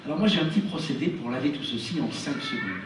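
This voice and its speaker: Male children's party magician, animated and presentational with young audience, distant noisy live-room sound. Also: fairly high pitch, fast. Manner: presentational, addressing children, exclaiming. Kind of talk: live kids party magician show patter. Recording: roomy, distant, noisy live show recording.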